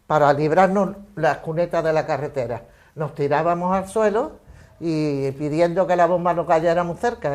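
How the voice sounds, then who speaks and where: An elderly woman giving documentary testimony, telling a long personal story in a steady, measured way. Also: lowish voice. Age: 80s or older.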